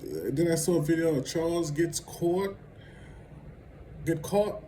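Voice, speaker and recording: A man's voice: a little high, slow pace, dark tone, slight background noise, low-quality recording. A man vlogging casual celebrity gossip commentary, rambling and conversational and laughing at his own asides.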